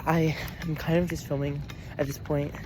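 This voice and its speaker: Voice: mid-range voice, little pitch movement, moderate pace, background noise. A person in their twenties, a college student vlogging casually while walking around outdoors, rambling and laughing often. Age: 20s. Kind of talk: casual vlog chat.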